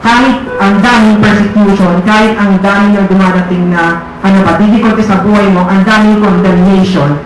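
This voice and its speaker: A man with a high voice, preaching to a youth group. He mixes Tagalog and English and keeps checking in with his listeners. His voice rings through a very echoey hall while a guitar plays along behind him. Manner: switches between Tagalog and English, asks the crowd "diba?" again and again. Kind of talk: sermon.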